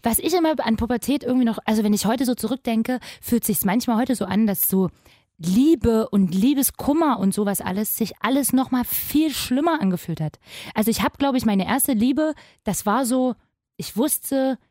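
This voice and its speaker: A woman co-hosting a casual chat, reacting quickly and musing on her own teen years. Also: fairly high pitch, animated, mellow, no echo, studio quality. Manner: chatty, reflective, quick reactions. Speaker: podcast co-host.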